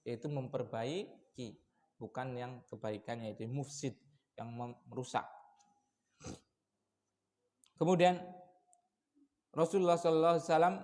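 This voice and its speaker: Lively preacher, man, shifting loud to low. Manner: lively, shifts from loud warnings to low asides, asks the audience questions. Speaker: Islamic preacher. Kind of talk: mosque study sermon. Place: mosque.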